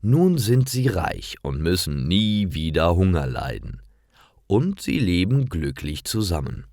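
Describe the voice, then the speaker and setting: A man narrating a fairy tale slowly and clearly for language learners. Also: sits low, dry recording, studio quality. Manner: slow, clear, lively storytelling. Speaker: storyteller.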